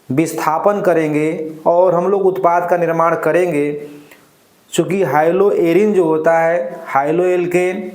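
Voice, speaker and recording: A male chemistry teacher, giving an online class and slowly dictating terms as he writes, repeating each one. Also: on the high side, reverberant. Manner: slow, drawn-out dictation while writing, repeating terms.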